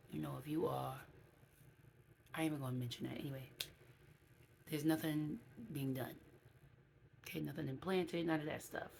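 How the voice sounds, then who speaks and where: A woman's voice: sits low, creaky, a little mellow, a little hiss or hum. A woman in her late thirties giving a casual vlog update, chatty and reading from her own notes with asides. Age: 30s. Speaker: vlogger.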